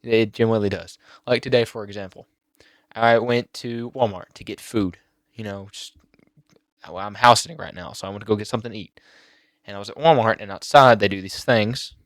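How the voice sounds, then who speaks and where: A teenage boy talking on his own channel, emotional and halting, near tears at times. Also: fairly low pitch, no echo, studio quality. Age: teens. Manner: emotional, halting with many fillers and restarts. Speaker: YouTuber. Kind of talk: personal vlog talk.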